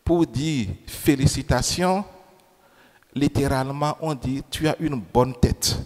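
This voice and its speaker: A man with a medium-pitched, somewhat dark voice speaks slowly as he preaches a sermon in French, a language that isn't his native one. He repeats key phrases and asks the congregation questions, and the church recording carries a long, echoing hall reverb.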